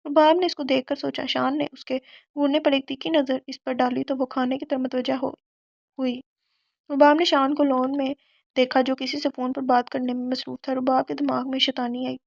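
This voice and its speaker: High-voiced woman reading a novel. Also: creaky, no room sound, muffled recording. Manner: steady storytelling. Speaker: audiobook narrator. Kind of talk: novel narration.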